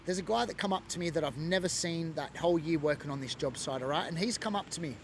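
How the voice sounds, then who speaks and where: Fairly high in pitch and fast, this Australian man's voice carries a little hiss or hum in the recording. He's a former biker from Sydney telling his own story in an earnest, emotional monologue full of fillers.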